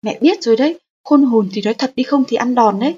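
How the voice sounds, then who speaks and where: A woman reading an audiobook voices an angry mother who loudly scolds her child and threatens a spanking. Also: fairly high pitch, animated, quick pace, breathy edge, lo-fi sound. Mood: angry scolding. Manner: loud, sharp, threatening.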